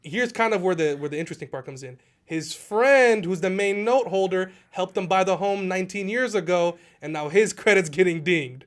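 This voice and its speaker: A man who is a guest on a real estate podcast, telling stories in a casual, animated way and acting out the people he quotes. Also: high-pitched, normal speed. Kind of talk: casual storytelling.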